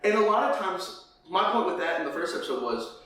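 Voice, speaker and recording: A man's voice: high-pitched, brisk. A man with a lisp and whistling s sounds, chatting casually and jokily about faith as a podcast host, often acting out imagined lines. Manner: animated, jokey, acts out imagined dialogue. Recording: echoey room, distant mic, faint noise.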